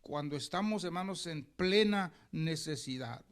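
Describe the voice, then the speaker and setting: A man's voice: on the high side, lively intonation, a little slow, smooth. A pastor preaching a sermon, telling a story and calling the congregation brothers as he goes.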